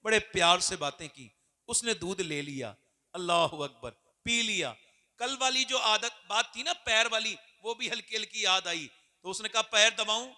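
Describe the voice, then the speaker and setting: A male preacher giving an emotional religious sermon in an impassioned, rhythmic delivery that builds to loud shouts. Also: sits high, expressive, normal speed.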